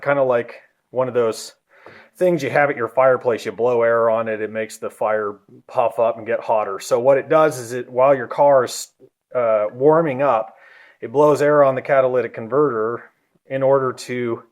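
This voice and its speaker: A man walks through his engine bay in a loose, unscripted way, trailing off and correcting himself as he points things out. His voice sits at an ordinary middle pitch, and he sounds slightly winded. It is recorded in a garage. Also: moderate pace. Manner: relaxed and rambling, with frequent ums and self-corrections. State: a little out of breath. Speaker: car hobbyist vlogger. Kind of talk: casual how-to explanation.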